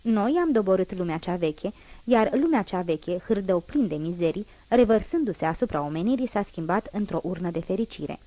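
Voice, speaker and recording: A woman's voice: medium pitch, expressive, mellow, lightly acted. A proud, unbending old revolutionary man, as a woman reader puts him on in a storybook reading. He declaims each point firmly and with emphasis, never giving ground. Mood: unyielding. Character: fierce old male revolutionary, unyielding and proud.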